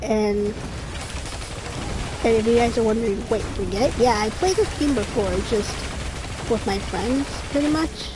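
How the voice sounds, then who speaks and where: Speaking at a measured pace with frequent pauses, this woman in her twenties has a slightly high voice and a dry, somewhat scratchy throat. As a gaming streamer she offers rambling, casual commentary over game music, often trailing off and beginning again.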